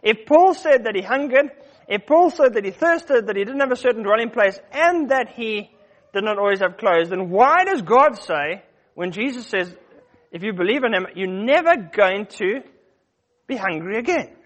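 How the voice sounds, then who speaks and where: Male preacher with a high voice, teaching Bible verses in a sermon and quizzing the congregation. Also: expressive, moderate pace, a bit bright. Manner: teaching Bible verses, questioning the audience, with fillers and restarts.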